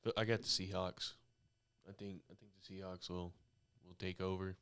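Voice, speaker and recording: A young man co-hosting a casual sports podcast, speaking haltingly with many fillers. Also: deep voice, little pitch movement, fairly bright tone, clean tone. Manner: hesitant, halting, lots of fillers. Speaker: podcast co-host.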